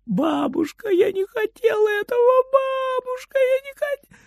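A man's voice: high voice, animated, unhurried, no room sound, studio quality, pitched above the performer's own voice. A man putting on a whiny, sobbing little boy. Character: small excitable boy who cries easily.

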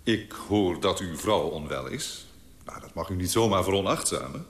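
A persistent doctor who probes with question after question. His voice is very low but lively in pitch. Long reverb trails behind it in this radio play. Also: moderate pace. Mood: insistent. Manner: probing, persistent. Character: insistent male doctor.

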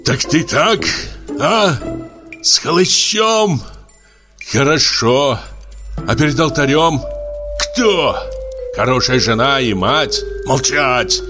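A man's voice: mid-range voice, expressive, takes it slowly, pauses often, over music, pitched above the performer's own voice. Man voicing a raging drunk jealous husband. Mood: furious. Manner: shouting, scolding, ranting. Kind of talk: audiobook character voice.

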